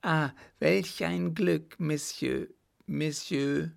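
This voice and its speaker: A man's voice: fairly high pitch, animated, a little slow, vocal fry, pitched above the performer's own voice, heavily acted. A man voicing a pouting young French lady. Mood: relieved. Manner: pouting, plaintive. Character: spirited young French lady, lost in woods.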